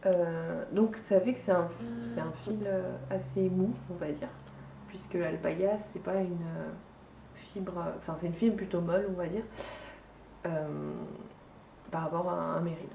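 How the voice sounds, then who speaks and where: French woman rambling about her knitting, lots of euh, lowish voice, echoey dull sound from a bit far away. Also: steady tone, unhurried, vocal fry, background noise. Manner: chatty, hesitant, many fillers and restarts. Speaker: knitting vlogger. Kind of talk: casual chat.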